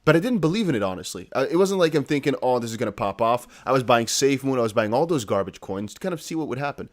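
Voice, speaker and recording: This crypto news streamer is a Dutch-accented man from the Netherlands whose mid-range voice is animated and quick. In a casual, emphatic livestream, he chats away, hammers points home more than once, and addresses viewers directly.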